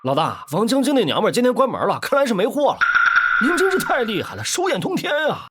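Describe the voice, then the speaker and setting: An actor playing an eager male henchman who flatters his boss. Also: very high-pitched, fast talker, very noisy, exaggerated voice. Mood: flattering. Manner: sycophantic, eager.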